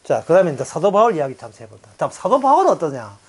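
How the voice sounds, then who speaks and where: A male pastor with a Gyeongsang Korean accent giving an animated Bible lecture, acting out quoted voices and chuckling. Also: on the high side, very fast, slight background noise.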